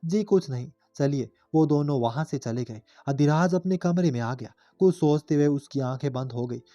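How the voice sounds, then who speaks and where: A man narrating a family story in a calm, steady way. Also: fairly high pitch, normal speed, no echo. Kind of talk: scripted narration. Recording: slightly dull lo-fi audio with faint music.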